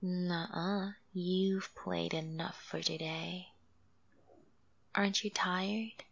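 A woman voicing a doting, coaxing mother figure in an audio roleplay. She speaks softly and drifts into whispers. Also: on the low side, fairly even intonation, gravelly, exaggerated voice. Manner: slow, soothing, coaxing with soft laughs. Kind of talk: soft-spoken audio roleplay, half whispered. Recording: dull lo-fi recording.

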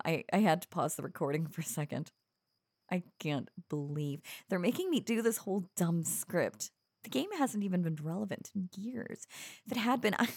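A woman's voice: lowish voice, breathy edge, no echo, studio quality. A woman playing a coaxing, possessive young streamer. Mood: exasperated. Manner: soft, coaxing, with nervous giggles. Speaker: voice actor in an audio roleplay. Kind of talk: audio roleplay addressed to the listener.

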